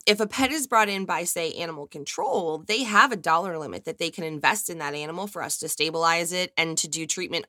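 An American woman co-hosting a podcast, chatting casually and emphatically, with vocal fry in her voice. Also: fairly low pitch, bright, forceful tone, no echo, studio quality. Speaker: podcast co-host, veterinary technician.

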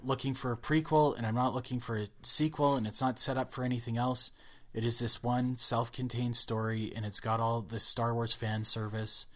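A man's voice: mid-range voice, steady tone, moderate pace, few pauses, fairly bright tone. A young adult man chatting casually as a podcast co-host, chatty and filling his talk with "like", often acting out quotes. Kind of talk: casual chat.

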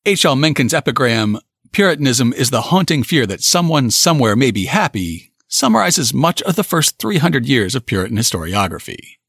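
A man hosting a history podcast, reading announcements and then interviewing a guest in a measured way. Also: mid-range voice, sing-song, fairly bright tone, breathy edge, no echo, clean studio sound. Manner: measured, reads announcements then asks questions. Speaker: podcast host. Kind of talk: scripted podcast intro and interview.

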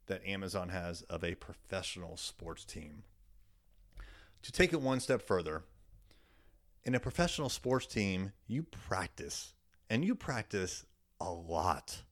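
A man's voice: on the low side, fairly bright tone. A man giving a solo business talk as a podcast host, explaining in a coaching style with emphatic repetition of key words.

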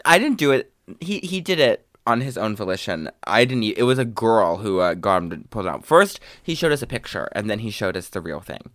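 A man co-hosting a podcast, teasing his co-host in a deadpan, provocative way. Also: lowish voice, brisk, hardly any pauses, no echo, clean studio sound. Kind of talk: casual chat.

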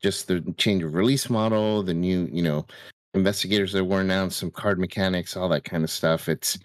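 A man's voice: sits low, fairly even intonation, a little fast, dry recording. A man co-hosting a podcast, sharing his thoughts in casual discussion. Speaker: podcast co-host.

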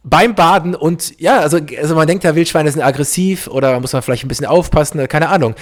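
Guy, slightly high voice, rambling podcast host, lots of ums and restarts. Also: fast. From East Belgium. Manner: chatty, many fillers and restarts, laughs easily. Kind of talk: casual podcast chat. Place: podcast setup, Berlin.

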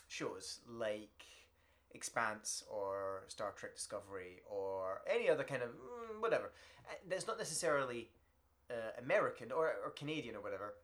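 A man hosting a relaxed podcast, talking in a loose, rambling way full of fillers. His pitch swings widely as he gets animated. He sits in the middle of the male range. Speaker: podcast host. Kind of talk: casual chat.

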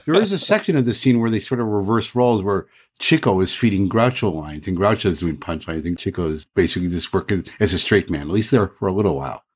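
A man's voice: low voice, lively intonation, fast talker, hardly any pauses, breathy edge. A man hosting a podcast, chatty and opinionated as he discusses old film comedy scenes. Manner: chatty and opinionated, frequent laughs. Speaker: podcast host.

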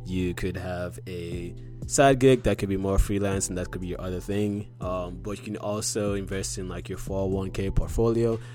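A man's voice: sits low, normal speed, faint music behind. A man co-hosting a podcast, chatting casually about money and investing, with lots of "um" and "like". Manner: relaxed, filler-heavy talk about investing. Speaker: podcast co-host.

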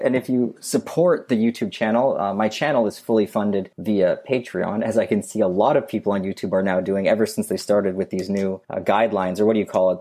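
A man's voice: lowish voice, a little mellow, slightly rough. A man talking as a podcast guest in a casual, rambling way, with many restarts and fillers. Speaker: guest, YouTube creator.

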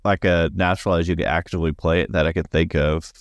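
Deep voiced guy chatting on a podcast, kinda halting and low key, no echo. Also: fairly even intonation, clean studio sound. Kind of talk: casual podcast chat.

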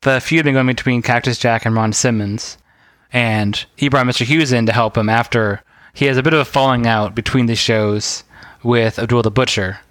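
A man's voice: mid-range voice, fairly even intonation, moderate pace, fairly bright tone, no echo. A man co-hosting a podcast, chatting casually and sharing wrestling trivia. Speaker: podcast co-host. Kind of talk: casual chat.

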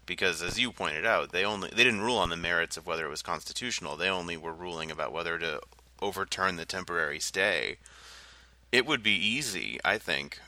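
Low voiced podcast guy, really bright sharp tone, says i think a lot. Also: no room sound. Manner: thinks aloud, hedging with "I think" and "like". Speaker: podcast co-host. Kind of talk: casual political podcast chat.

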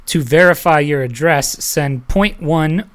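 A podcast host chats loosely with the panel, rambling between stories and laughing often. The voice sits at a middling pitch. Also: measured pace. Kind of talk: casual panel chat.

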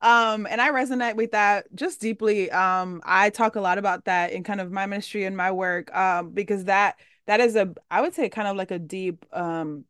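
A woman's voice: mid-range voice, steady tone, normal speed, hardly any pauses, a bit bright, clean tone, no echo, clean studio sound. A woman from the Dominican Republic hosting a faith podcast, effusive and full of fillers, reacting with lots of wows. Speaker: podcast host. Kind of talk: casual faith podcast conversation.

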